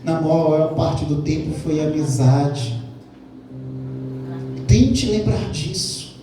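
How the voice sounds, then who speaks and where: A man's voice: on the high side, extremely slow, noisy background. A male pastor delivering a sermon, asking the congregation questions and repeating phrases for emphasis. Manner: preaching with rhetorical questions to the congregation. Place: church hall. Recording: very echoey church hall, mic at a distance.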